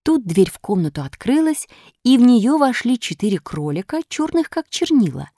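A woman narrating a fairy tale aloud in an expressive storybook reading. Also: fairly high pitch, moderate pace, no room sound, studio quality.

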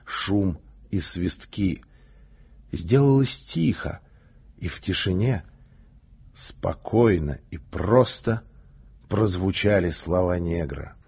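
A man narrating a story in an expressive, deliberate way, on a dull lo-fi recording. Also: low voice, vocal fry, slightly rough. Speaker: audiobook narrator. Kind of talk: scripted narration.

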